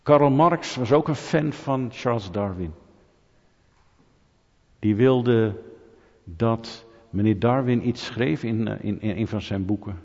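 A man preaching to his congregation, throwing rhetorical questions at the room and teasing people in the pews. His voice sounds slightly husky and rings out with a long reverb through a church hall. The sound is dull and muffled. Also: mid-range voice, slow pace, pauses often. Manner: lively, rhetorical, asks the audience questions, jokes with them. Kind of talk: sermon.

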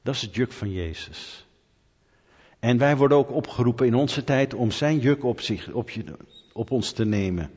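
A middle-aged man preaching a conversational sermon, asking rhetorical questions and building to animated emphasis. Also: mid-range voice, moderate pace, slightly rough. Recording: dull hall reverb.

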